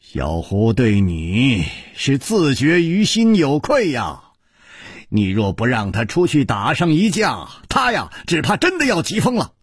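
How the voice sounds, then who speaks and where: A calm, wise hero speaks in a measured, reflective way, as a male storyteller voices him. The voice is husky and lively in pitch. The sound is dry and close. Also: dry recording, full character voice.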